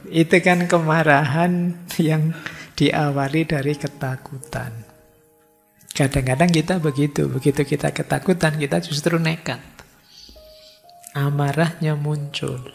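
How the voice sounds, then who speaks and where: A man's voice: fairly high pitch, creaky. A middle-aged man giving a conversational philosophy lecture in a mosque hall, acting out the voices of students he quotes.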